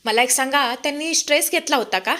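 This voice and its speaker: Woman reading as a family doctor, calm, instructive, slightly high. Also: fast talker. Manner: calming and instructive.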